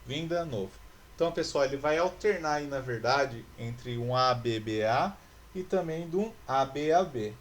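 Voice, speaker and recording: A man's voice: medium pitch, expressive, moderate pace. A male teacher with a Brazilian Portuguese accent, reading a poem aloud and patiently explaining it in a recorded class. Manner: patient, explanatory, often checks in with students.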